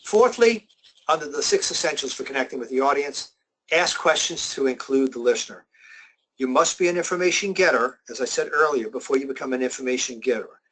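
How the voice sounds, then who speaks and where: A middle-aged man giving a sales training webinar, emphatic and slowing down to stress his key points. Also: on the high side, a bit bright, low-quality recording. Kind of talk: motivational webinar presentation.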